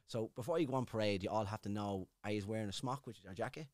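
A man's voice: fairly low pitch, fast talker, a little mellow, dry recording. Swearing Irish man telling stories. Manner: rambling, swears freely, restarts sentences. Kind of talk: casual chat.

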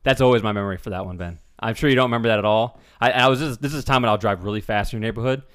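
A man's voice: fairly low pitch, racing, fairly bright tone, clear, resonant tone. A young man co-hosting a podcast, telling stories in loose casual chat and laughing easily. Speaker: podcast co-host.

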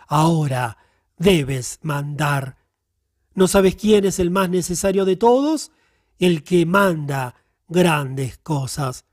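A man voicing a stern, voiceless spirit of the silent hour in an audiobook, speaking slowly and solemnly. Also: a little high, expressive, darkish tone, no echo, clean studio sound. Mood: stern, admonishing.

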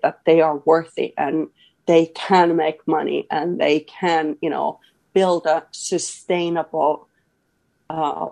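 A woman's voice: low voice, gravelly, a little mellow. A woman, a guest talking earnestly in a casual interview, with many fillers and restarts. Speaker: podcast guest, author.

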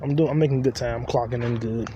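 Walking city streets with his phone recording, a young podcast host delivers a loose, joking, rambling monologue to himself. His medium-pitched voice is mellow and fast with fairly even intonation. The highs are cut off, and street traffic noise plays behind.

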